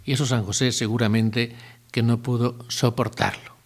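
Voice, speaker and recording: A man, giving a relaxed retreat talk as a priest, asking his listeners questions and adding asides. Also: medium pitch, normal speed. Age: 50s. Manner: conversational, asks listeners rhetorical questions, adds asides and jokes.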